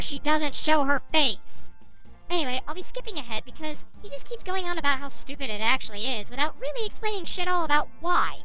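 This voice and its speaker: A woman's voice: high voice, pushed and bright, poor audio. A woman reviewer giving a sarcastic, argumentative commentary rebutting another video.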